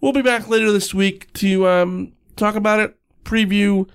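A man hosting a sports podcast in casual, halting chat, his voice congested and stuffy from being sick. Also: high-pitched, steady tone, clear, resonant tone.

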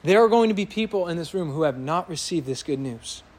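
A pastor preaches to his congregation in a church sanctuary, earnest and emphatic, loudly building toward impassioned peaks. His voice is a little high, animated, and a little fast.

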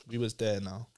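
A man's voice: lowish voice, a little mellow, slight background noise. A young man with a London accent chatting and telling stories in roadman slang, repeating phrases for emphasis. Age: young adult. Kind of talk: casual chat, anecdotes.

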